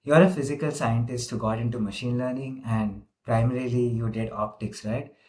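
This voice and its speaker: A man's voice: mid-range voice, fairly even intonation, moderate pace, a little mellow. A man interviewing a guest in casual chat, talking loosely with many "like" fillers. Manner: chatty, filler-heavy with "like".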